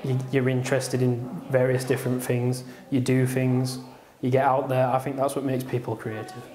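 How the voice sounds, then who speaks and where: A man's voice: medium pitch, completely flat delivery, moderate pace, warm tone, reverberant. A young male student from Leeds speaking matter-of-factly in an interview. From Leeds, England. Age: young adult. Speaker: university student. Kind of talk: casual interview.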